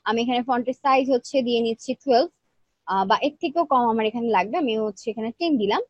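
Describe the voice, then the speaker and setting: A woman teaching an online design class, explaining each step plainly and checking in with her students, speaking softly because she feels weak today. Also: on the high side, lively intonation, fast, dry recording, dull audio. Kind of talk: live screen-share tutorial.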